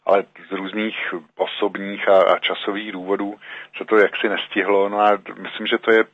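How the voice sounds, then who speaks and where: A man's voice: lowish voice, little pitch movement, no echo. A man answering radio interview questions as a guest, hesitant, with many fillers and restarts. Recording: narrow phone-like dry sound.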